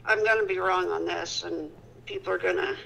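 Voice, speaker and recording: A woman in her fifties from Indiana speaks over a telephone line as a guest. Her voice has a gravelly fry to it. She rambles casually, restarting phrases as she goes. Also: fairly low pitch, steady tone, fairly quick, pushed and bright. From Peru, Indiana. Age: 50s. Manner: chatty and rambling, self-correcting. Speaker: guest, city council candidate. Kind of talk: casual phone chat.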